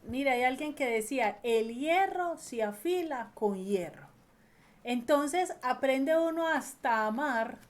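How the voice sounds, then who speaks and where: High-voiced woman preaching earnestly. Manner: earnest, slows and stresses key phrases, trails off softly at ends. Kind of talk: sermon.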